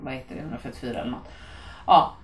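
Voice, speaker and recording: A woman's voice: a bass voice, far from the mic. Wry woman, off-mic in an echoey room. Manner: wry, joking, laughs often. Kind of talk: casual chat.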